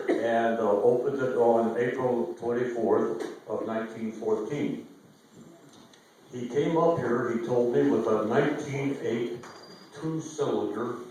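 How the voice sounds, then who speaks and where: An older American man hosting an event, telling local history in a folksy, halting, informal way to a live audience. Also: mid-range voice, a little mellow. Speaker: host. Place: inside an old theater, amplified to an audience. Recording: echoey theater hall, distant microphone.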